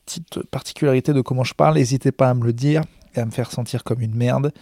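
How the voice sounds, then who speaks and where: A stand-up comedian rambling backstage in a self-mocking vlog monologue, full of hesitations, into a handheld recorder. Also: male voice, medium pitch, fairly even intonation, quick pace, dark tone, no room sound, clean studio sound. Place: backstage room of a comedy club.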